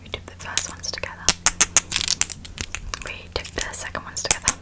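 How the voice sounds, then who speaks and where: Woman, soft ASMR whisper, close microphone, gentle and reassuring. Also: moderate pace. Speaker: ASMR creator. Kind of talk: ASMR role-play appointment.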